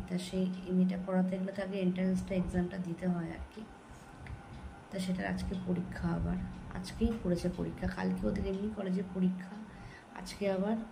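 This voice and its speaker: A sleepy woman speaks in a hushed, unhurried voice with a gravelly, fry-laden edge. She is vlogging into her phone at home at dawn. A steady hiss of noise sits clearly under her voice. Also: on the low side. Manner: speaks softly and slowly so as not to wake her family. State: sleepy and tired. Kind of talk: casual chat to camera. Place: home, indoors, early morning.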